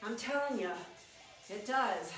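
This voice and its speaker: Echoey, slow-cueing woman aerobics instructor. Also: fairly high pitch, lively intonation, a bit bright. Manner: encouraging, coaching in short cues. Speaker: aerobics instructor leading a workout. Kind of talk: instructional workout cueing with counts. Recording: echoey room, distant mic, music behind. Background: workout music.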